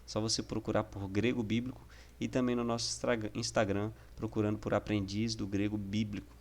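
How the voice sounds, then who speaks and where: A man's voice: lowish voice, little pitch movement, brisk. A man with a Brazilian Portuguese accent teaching an online lesson, explaining patiently and often checking in with the listener.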